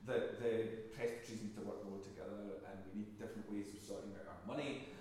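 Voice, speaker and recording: A Scottish man giving an anecdotal sermon talk, animated and emphatic, with hesitations as he tells his story. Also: fairly low pitch, fast, slight background noise. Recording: echoey hall, voice from far off.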